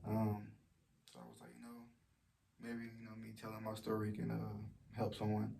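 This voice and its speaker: A soft-spoken man talks low in a personal vlog, halting often and circling back with fillers. His voice sits low, with a gravelly edge. It stays very flat and dark throughout. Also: a little hiss or hum. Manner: speaks softly and low; halting, with many fillers and restarts. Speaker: vlogger. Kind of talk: personal vlog, sharing a story of loss.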